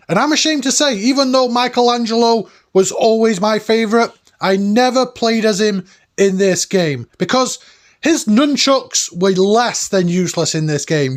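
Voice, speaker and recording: A man around forty hosting a retro gaming video with enthusiastic, nostalgic, informal commentary and emphatic delivery. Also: sits high. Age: late 30s to early 40s. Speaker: host of a retro gaming countdown. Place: cabin, indoors.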